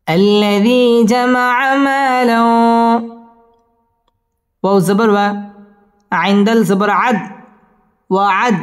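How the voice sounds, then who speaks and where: A man teaching Quran recitation. He spells out each letter and vowel, then chants the verses in a drawn-out melody. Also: sits high.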